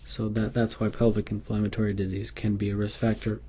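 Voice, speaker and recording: A man's voice: lowish voice, completely flat delivery, fairly quick, dark tone, slightly rough. A man giving an unscripted medical exam tutorial over slides, hesitant and full of fillers and restarts. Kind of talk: unscripted instructional lecture.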